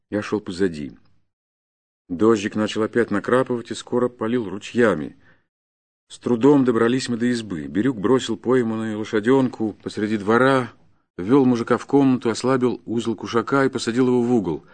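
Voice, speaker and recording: A man reading a classic story aloud in a measured, even storytelling manner. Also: on the low side. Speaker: narrator. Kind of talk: scripted narration of a classic story.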